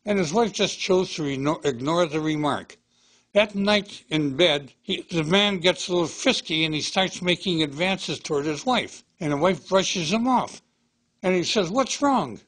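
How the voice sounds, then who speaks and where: A man informally telling a smutty joke in a halting, stumbling delivery. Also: a little high, fairly bright tone, low-quality recording. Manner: smutty joking. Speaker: joke teller.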